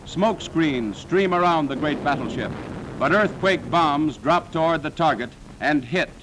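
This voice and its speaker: A man's voice: a little high, animated, a little slow, noisy background. A man narrating a 1940s wartime newsreel in a dramatic, solemn, declaiming manner.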